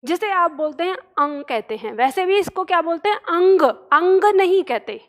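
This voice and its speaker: Woman teacher, very high voice, emphatic online lesson, models each sound. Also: lively intonation, moderate pace. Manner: emphatic, explains step by step, models sounds aloud. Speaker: Hindi grammar teacher.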